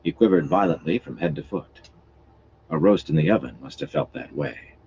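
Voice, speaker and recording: A man reading a fantasy novel aloud as expressive, steady storytelling. His voice sits very low yet moves through a lively melody. The sound is dull and lo-fi, with a faint hiss behind it. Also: normal speed. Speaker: audiobook reader.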